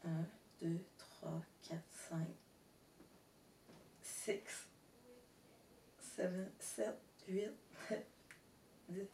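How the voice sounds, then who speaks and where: A woman taking part as a hypnosis volunteer, counting out loud hesitantly. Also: fairly low pitch, steady tone, extremely slow, creaky, a little hiss or hum. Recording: echoey room, distant mic.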